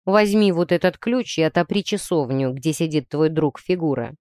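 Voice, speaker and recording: A woman reading a storybook voicing a calm, firm teenage boy who leads his team and gives stern orders. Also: low-pitched, moderate pace, dry recording, clean studio sound. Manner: stern, commanding.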